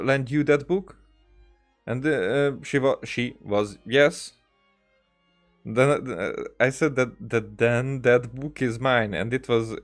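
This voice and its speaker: Over music, a man streams a game and chats in a mid-range voice. His anecdotes come out halting and rambling, full of repeated words.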